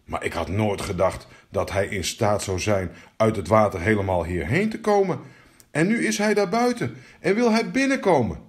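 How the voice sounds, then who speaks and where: A man's voice: lowish voice, sing-song, moderate pace, voice pushed down. A man doing a stammering, spoiled princess. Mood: pleading. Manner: stammering, whiny. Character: young princess, spoiled and fearful.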